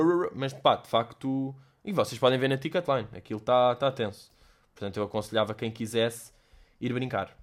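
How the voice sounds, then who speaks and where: A young man with a European Portuguese accent, chatting casually as host answering listener questions, animated and swearing, dropping in English slang. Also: mid-range voice. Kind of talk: casual chat.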